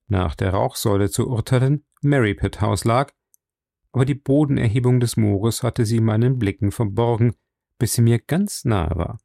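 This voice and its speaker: Gravelly-voiced male storyteller. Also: mid-range voice, mellow, no room sound, studio quality. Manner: measured, first-person storytelling. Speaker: audiobook narrator. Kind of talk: scripted storybook narration.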